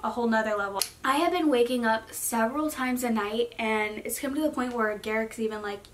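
A young woman in her twenties, a vlogger, gives a casual pregnancy update while seated on her bed in her bedroom. Her voice is a little high and a little fast, and she rambles with many fillers.

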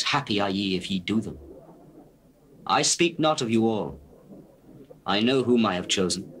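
A man playing Jesus as a solemn, authoritative teacher, speaking in measured, declamatory phrases in a dramatized King James Bible reading. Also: medium pitch, fairly bright tone, lightly acted. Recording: noisy old cassette recording.

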